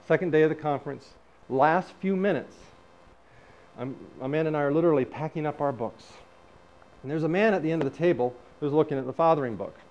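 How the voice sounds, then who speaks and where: Man, middle-aged, storytelling speaker, lively delivery, average pitch, dull recording, faint noise. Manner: lively storyteller who acts out quoted dialogue. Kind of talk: personal storytelling talk.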